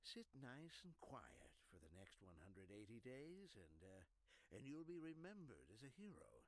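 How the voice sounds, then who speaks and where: Smug supervillain mayor, wildly swooping delivery. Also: male voice, mid-range voice, wildly swooping pitch, vocal fry, no room sound. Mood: veiled threat. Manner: slow menacing villain monologue, hesitant pauses, oily. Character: smug corrupt city mayor, smiling supervillain. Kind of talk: scripted video game voice acting.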